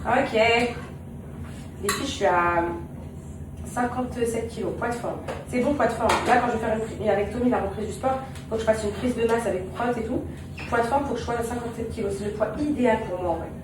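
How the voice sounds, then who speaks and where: A woman chatting casually to her viewers in a home vlog, talking to them as girls while she cooks at home. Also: fairly high pitch. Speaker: vlogger and mother. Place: home kitchen, indoors. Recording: echoey, noisy room, voice far from mic.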